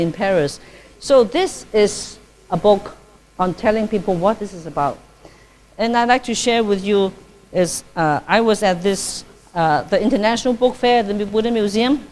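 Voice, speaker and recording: A Buddhist nun who serves as publications director gives an informal dharma talk in a chatty, friendly lilt, often tagging "okay?" and laughing easily. Her voice is medium-pitched with a darkish tone, and Cantonese is her first language.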